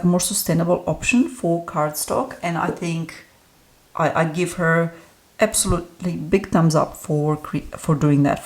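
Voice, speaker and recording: A relaxed, chatty woman with a slightly low-pitched voice, reviewing a card deck for her channel. She talks in a loose, easygoing way, filling pauses with ums and small laughs. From Australia. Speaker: tarot reader and deck reviewer. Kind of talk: casual solo review talk.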